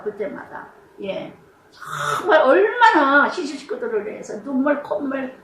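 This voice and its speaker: Middle-aged woman pastor, high-pitched and animated, preaching casually in a reverberant room. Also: slight background noise. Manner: animated, chatty preaching with rhetorical questions. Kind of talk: devotional Bible sermon.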